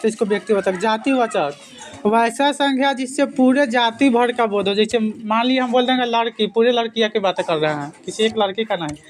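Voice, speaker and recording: A man's voice: very high-pitched, a little fast. A male teacher giving an exam-prep grammar lesson, quizzing listeners with repeated questions and then answering them himself. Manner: repetitive, drilling delivery.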